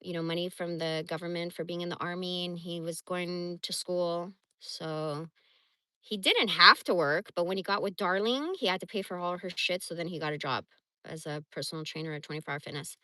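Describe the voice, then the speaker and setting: A woman's voice: lowish voice, brisk, bright, forceful tone, no echo. A woman from the Bay Area telling rambling personal stories on a casual livestream, blunt and profane. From San Francisco Bay Area. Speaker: livestream host.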